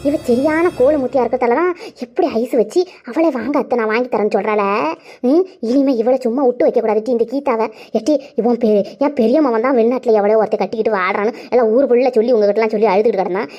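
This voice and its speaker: A woman's voice: a little high, mellow, natural voice. A woman voicing a grasping, jealous middle-aged village aunt in a cartoon, scolding and wheedling. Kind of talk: cartoon voice acting.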